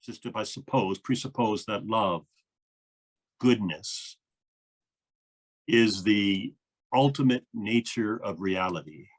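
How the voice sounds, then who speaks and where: A man's voice: lowish voice, slow pace, long pauses. A man, a minister, interviewing a guest in an earnest, thoughtful way with frequent fillers. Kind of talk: reflective conversation.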